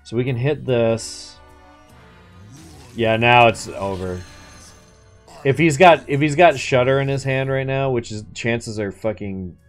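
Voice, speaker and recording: A man's voice: medium pitch, unhurried, pauses often. Casual, slangy male game streamer over music. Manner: casual slangy speech with swearing. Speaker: live streamer. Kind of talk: casual live game-stream commentary and chat.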